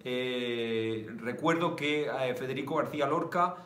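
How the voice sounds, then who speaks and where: Male teacher, slow and deliberate, keeps checking the class follows; distant roomy recording with faint hum. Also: mid-range voice, fairly bright tone. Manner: checks understanding with repeated rhetorical questions; counts syllables aloud slowly. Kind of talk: classroom lecture.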